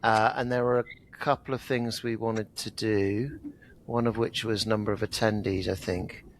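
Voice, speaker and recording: A middle-aged man with a low, gravelly voice co-hosts a casual medical podcast. He talks in a measured, frank way with a dry skeptical edge. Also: level tone, rough recording. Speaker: podcast co-host, melanoma doctor.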